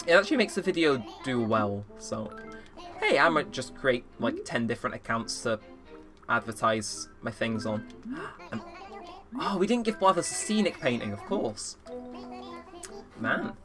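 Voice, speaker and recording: With game music running beneath him, this eighteen-year-old guy rambles through a let's play in a chatty, self-mocking way. His voice is fairly high, bright, and forceful.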